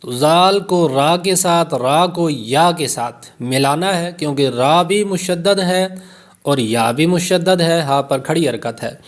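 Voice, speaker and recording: A man with a Pakistani Urdu accent, his voice sitting a little high for a man, teaches Quran recitation for beginners. He rattles through rules for each letter, then stretches every word out in careful, slow recitation. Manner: slow drawn-out recitation of single words between quick explanations. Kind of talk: tajweed lesson, explaining then reciting words slowly.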